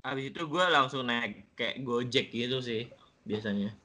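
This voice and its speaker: A man chats casually in a bright, sharp voice. He gets excitable as he talks, with lots of trailing fillers. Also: medium pitch, normal speed. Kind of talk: casual chat.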